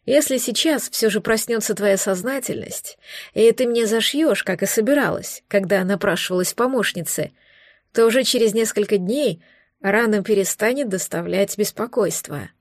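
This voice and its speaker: A woman's voice: mid-range voice, moderate pace, no echo, lightly acted. A woman voicing a wounded male dragon in human form who grumbles with dry, mocking irony, in an audiobook. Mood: grumpy, mocking. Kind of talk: audiobook dialogue.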